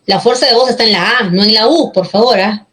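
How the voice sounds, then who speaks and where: Patient teacher, woman's higher voice. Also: fairly quick, a bit bright, rough recording. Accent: Peruvian Spanish. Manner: patient, checks often with "¿ya?". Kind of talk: online class on accent marks.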